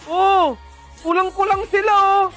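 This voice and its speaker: A woman's voice: extremely high pitch, fairly even intonation, measured pace. A woman hosting a livestream game commentary, playful and teasing, laughing often. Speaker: esports stream host. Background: background music.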